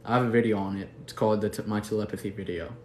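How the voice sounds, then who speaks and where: A lowish male voice talks rapid-fire with fairly even intonation: a young host from Mexico City, later the US, chatting casually on a livestream. He answers viewers' comments in a laid-back, slangy, affectionate manner, in an echoey room with faint noise in the background.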